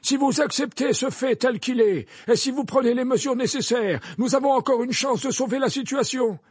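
A man doing a high, husky old wizard. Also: moderate pace, a little mellow, no echo, clean studio sound. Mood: stern. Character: old male wizard headmaster, calm and commanding. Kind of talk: audiobook character voice.

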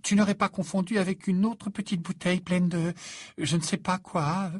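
A man voicing an anxious, bossy teenage girl, speaking high and pressing. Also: fairly even intonation, normal speed, no echo, clean studio sound.

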